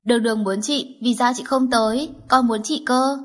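A woman voicing a frightened, tearful little girl who pleads in a childlike way in audiobook dialogue, with a husky voice. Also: fairly high pitch, fairly even intonation, moderate pace, lightly acted.

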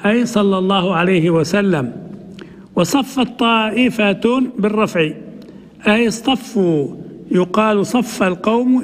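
A man, a sheikh, teaching a classical text lesson, reading passages slowly and then explaining them in a conversational way. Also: high-pitched, in a large hall. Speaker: sheikh teaching hadith commentary.

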